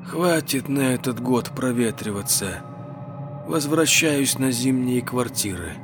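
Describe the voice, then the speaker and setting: A man's voice: medium pitch, expressive, unhurried, lightly acted. A man voicing a gaunt, masked vagrant whose muffled, hollow voice sounds as if it comes from down a well, over music. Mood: muffled, terse. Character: gaunt masked male vagrant, withdrawn and wary. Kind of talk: audiobook narration with character voices.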